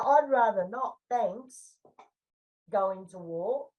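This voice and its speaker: An Australian woman shares her views slowly and deliberately, pausing on fillers as she thinks aloud. She sounds a little distant from the microphone, as if sitting back in the room. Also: mid-range voice, a little mellow, highs cut off. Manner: measured, opinionated, frequent "you know" and "um". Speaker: co-host. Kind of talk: casual discussion of the federal budget.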